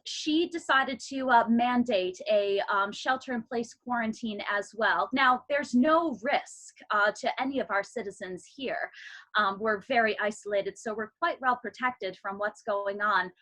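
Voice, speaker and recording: A woman's voice: fairly high pitch, sharp tone. A woman playing Elsa, a gracious young ice queen, breathless, gushing and royally polite, speaking over a video call. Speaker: character performer.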